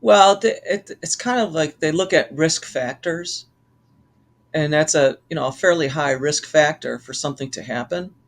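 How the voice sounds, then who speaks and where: A man co-hosting a casual podcast, explaining insurance with halting restarts. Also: on the high side. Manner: hesitant, restarts while explaining. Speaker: insurance professional co-host. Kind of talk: casual chat.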